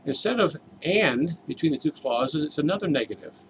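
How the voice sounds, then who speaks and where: Man, fairly high voice, measured sermon teaching, stresses key words, faint hiss behind. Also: animated, poor audio. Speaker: preacher.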